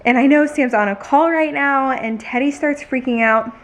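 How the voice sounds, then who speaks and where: Chatty young woman vlogger, fairly high voice. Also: normal speed. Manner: chatty, animated retelling full of "like". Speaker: lifestyle vlogger. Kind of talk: casual vlog chat and storytelling.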